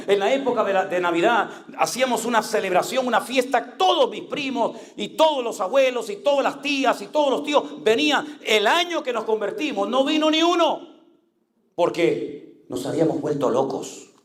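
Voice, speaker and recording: A man's voice: high-pitched, roomy sound. A male pastor preaching an impassioned sermon, acting out the voices he quotes.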